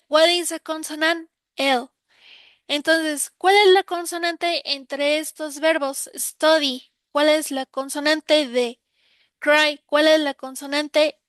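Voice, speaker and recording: A woman's voice: high-pitched, bright, forceful tone, no room sound. A woman with a Mexican accent teaching English grammar in a recorded lesson, explaining step by step, repeating examples and answering her own questions.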